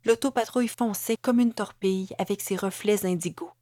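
A woman with a Québécois accent reads scripted audiobook narration at a measured, dramatic pace. Her voice sits in a middle pitch. The recording is dry and close, with no room sound. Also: dark tone, no echo.

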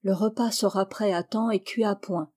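A woman voicing a calm, tender young prince in a read-aloud tale, speaking gently and with composure. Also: mid-range voice, moderate pace, close to an everyday voice.

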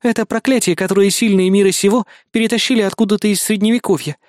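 A man's voice: sits high, steady tone, fast talker, darkish tone, no echo, clean studio sound, pitched above the performer's own voice, lightly acted. A man voicing a fierce, blunt young woman, the narrator's partner, in an audiobook, with a brusque, sarcastic manner. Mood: earnest. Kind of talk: audiobook character voice.

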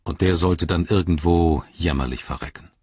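A man narrating an audiobook in a slow, sombre and measured reading. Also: sits low, husky, dry recording, highs cut off. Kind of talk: scripted narration.

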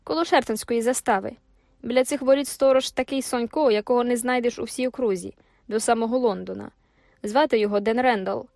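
A cheerful, hearty farmhand man, as a female narrator puts him on bursts out in excited, raised exclamations. His voice sits high and bright over a dry, close sound with faint music behind. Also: fairly quick, gravelly, dry recording. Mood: confident. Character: jovial hearty male farmhand.

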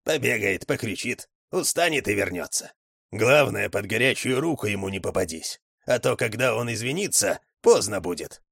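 A man's voice: fairly low pitch, expressive, moderate pace, gravelly, a bit bright, husky, no echo, studio quality, exaggerated voice. A man voicing a cool, slangy male leader in a storybook who speaks unflappably. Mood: unflappable.

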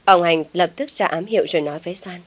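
A woman reads a dramatic village tale aloud as audiobook narration. Her voice sits somewhat low and her delivery stays steady and even. She tells the story for listeners. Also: fast talker.

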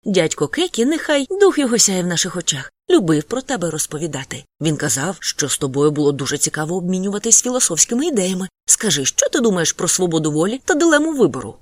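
A reader voicing a fiery mother in her late forties who scolds her son loudly and dramatically with rhetorical questions. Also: mid-range voice, sing-song, fast talker, few pauses, dry recording. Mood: effusive. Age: 40s.

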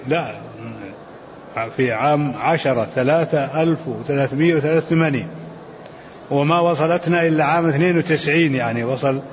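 An older man giving a scholarly lesson, his voice a little high, reading texts in a chanting lilt and explaining them at an unhurried pace. The recording is dull and lo-fi, with a faint hiss behind him. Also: long reverb tail. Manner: measured, reads quoted texts in a chanting lilt. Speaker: sheikh teaching a commentary.

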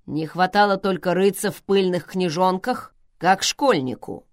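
A woman's voice: on the low side, unhurried, no room sound, close to an everyday voice. Brief: woman doing a sulky male vampire, grumbling, dry close mic. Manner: grumbling, disgruntled. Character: grumpy sulking male vampire husband.

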